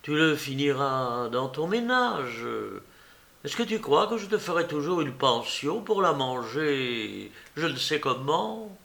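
A man's voice: fairly high pitch, sing-song, slow pace, fairly bright tone, heavily acted. A man reading a novel aloud, voicing an irritated, stubborn elderly aunt who scolds her nephew. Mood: scolding. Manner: scolding, indignant questioning. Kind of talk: audiobook character reading.

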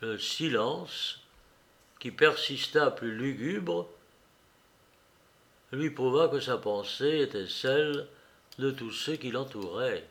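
A man narrating a novel aloud with a slow, solemn, dramatic delivery. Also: medium pitch, a bit bright.

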